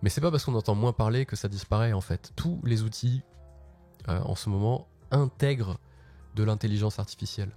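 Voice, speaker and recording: Male host, low voice, mellow tone, chatty and slangy, casual tech walkthrough. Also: a little fast, soft background music. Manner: chatty, slangy, restarts often. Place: office.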